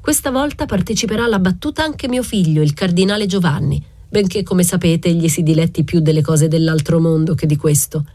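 A woman's voice: lowish voice, fairly quick, hardly any pauses, warm tone, close to an everyday voice. A woman voicing a cold, calculating king with a thin, icy voice and an ironic, impassive way of talking.

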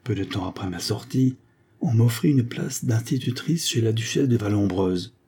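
A man's voice: on the low side, lively intonation, moderate pace, warm tone, breathy edge. A man reading a sorrowful young accused woman. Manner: sorrowful, then firm. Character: young woman accused of a crime, melancholy, proud.

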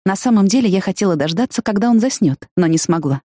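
A woman reading a first-person novel aloud, expressive and lifting her voice for lively quotes. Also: mid-range voice, quick pace, dry recording, studio quality. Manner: expressive, lifts voice for excited quotes. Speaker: audiobook narrator.

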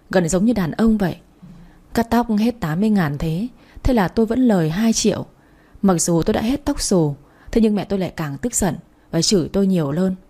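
A woman's voice: mid-range voice, dark tone. A young adult woman reading a first-person story aloud in a firm, lecturing manner. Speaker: narrator.

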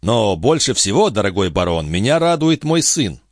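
A man's voice: fairly low pitch, big pitch swings, moderate pace, no room sound, studio quality. A man voicing a sarcastic, skeptical old male baron in an audiobook. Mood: mocking. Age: older. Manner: sarcastic, laughing, doubting.

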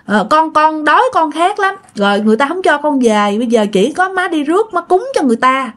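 A woman voicing the spirit of a dead young man who pleads with his mother on the phone in a high, whiny voice. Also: very animated, fairly quick, a bit bright. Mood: pleading.

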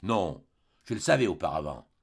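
Guy doing a curt young man, short replies, husky tone. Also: deep voice, sing-song, normal speed, pitched below the performer's own voice, heavily acted.

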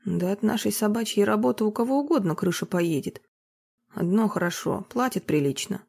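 A woman's voice: mid-range voice, expressive, moderate pace, creaky, darkish tone, slightly rough. Karlusha, woman doing a grumbling male saxophonist. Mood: blunt.

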